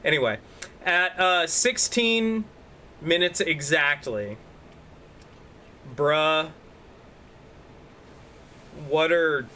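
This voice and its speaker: Bright-toned, brash rambling man. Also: on the high side, drawn-out words, long pauses, slight background noise. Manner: profane, rambling, demonstrative. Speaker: podcast co-host. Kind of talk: casual chat. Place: room at home. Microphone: desk microphone.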